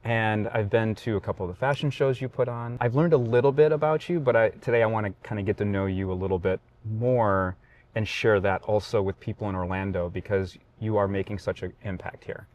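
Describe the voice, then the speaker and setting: A man from Michigan hosting an interview, asking questions in a relaxed, conversational way. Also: lowish voice, brisk. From Michigan, United States. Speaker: interview host. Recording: voice distant from the mic.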